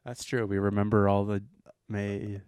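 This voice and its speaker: A man's voice: on the low side, monotone, normal speed, darkish tone, clear, resonant tone, dry recording, clean studio sound. A man in his twenties co-hosting a podcast in casual, joking chat. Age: 20s. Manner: joking, teasing. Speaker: podcast co-host.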